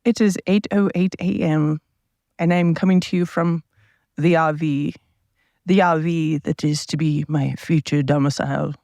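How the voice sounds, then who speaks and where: A man with a gravelly, groggy morning voice rambles through a casual solo podcast, seated at a table in a parked RV. His pitch sits a touch high for a man but hardly moves, and the sound is close and dry with no room around it. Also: unhurried, dry recording. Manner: meandering, relaxed, thinking aloud with many asides. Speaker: podcast host. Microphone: small mic powered by a tablet.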